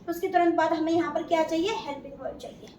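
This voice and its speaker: A woman's voice: very high voice, fairly even intonation, quick pace, darkish tone. Indian woman teaching grammar, asks and answers her own questions, echoey room far from the mic. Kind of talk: classroom grammar lesson. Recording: echoey room, voice from afar, faint noise.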